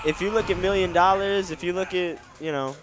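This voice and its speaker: Against a noisy background, a man briskly reads and answers viewer questions while doing casual stream commentary for a fighting game event. He speaks with a nasal voice that he tries to keep lower than usual.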